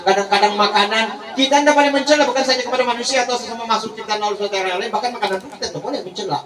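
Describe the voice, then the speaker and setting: A man delivers a lively, humorous sermon, slipping into the voices of the couples in his stories. His voice sits a little high and comes across from some distance. The hall echoes, with a crowd audible throughout. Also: very fast. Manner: joking, animated, acts out quoted couples. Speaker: preacher. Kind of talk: comedic religious sermon. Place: large gathering at a religious celebration.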